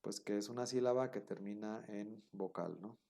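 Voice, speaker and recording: Mellow-voiced man teaching a grammar lesson. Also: lowish voice, normal speed, gravelly. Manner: explanatory, repeats key terms, checks with "¿no?". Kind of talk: recorded classroom lecture.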